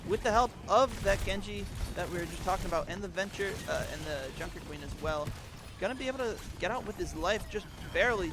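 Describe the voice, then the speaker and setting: A young man giving excitable, jokey live play-by-play commentary on a college esports match. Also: sits high, background noise.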